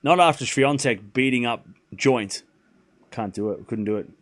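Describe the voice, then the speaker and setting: On a live stream, a man with a softened Australian accent commentates tennis play by play, getting excited during rallies and muttering between points as he responds to chat. His voice is mid-range and his pace moderate.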